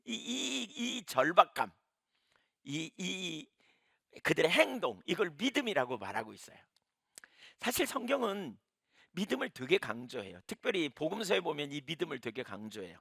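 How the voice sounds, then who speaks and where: A man's voice: a little high, very animated, moderate pace, gravelly, bright, forceful tone, breathy edge, dry recording, clean studio sound. A middle-aged man preaching a sermon as pastor, acting out the words of biblical figures as he tells their stories.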